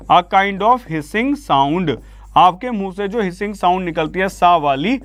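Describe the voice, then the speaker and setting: A man's voice: high voice, no echo. A man with an Indian accent teaching an online vocabulary lesson, coaxing his students along and asking them for answers again and again. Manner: coaxing, repeatedly addresses students as "beta".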